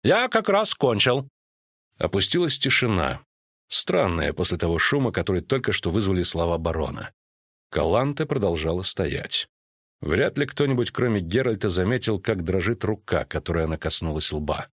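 A man narrating a fantasy audiobook in an even, measured reading. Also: sits low, dry recording, studio quality.

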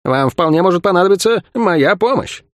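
A man voicing a gruff, weary female assassin who grumbles and snaps sarcastically in an audiobook. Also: high-pitched, expressive, moderate pace, fairly bright tone, no echo, voice pushed up. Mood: grumbling.

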